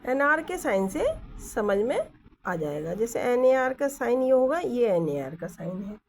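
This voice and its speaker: A woman teaching shorthand at an unhurried pace, her fairly high voice rising and falling a lot as she spells out sounds and stops to ask whether the class follows. She records on a phone held in one hand while she writes at a desk indoors. A faint noise sits under the voice. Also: sing-song, rough recording. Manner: explains slowly, with many checking questions. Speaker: stenography teacher. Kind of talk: Hindi-English shorthand lesson.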